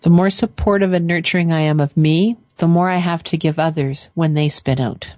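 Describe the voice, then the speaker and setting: Calm low-voiced woman host guiding affirmations. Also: no echo. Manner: calm, slow, leads phrases for repeating. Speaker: radio show host and coach. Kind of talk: guiding a caller through affirmations.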